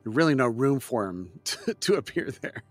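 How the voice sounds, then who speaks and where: A man narrating a tabletop game as game master, in a descriptive, deliberate storytelling way. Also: mid-range voice, big pitch swings, faint music behind.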